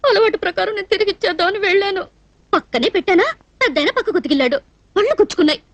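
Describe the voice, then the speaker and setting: A woman's voice: very high voice, expressive, rapid-fire, no room sound. An actress playing a naive young woman in a dubbed comedy film scene, talking in a whiny, teary way. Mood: tearful. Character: tearful naive young woman, sulky and sweet.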